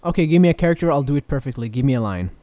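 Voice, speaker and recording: A man's voice: medium pitch, animated, very fast, dark tone, no echo. A man co-hosting a casual comedy podcast, playful and teasing. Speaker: podcast co-host.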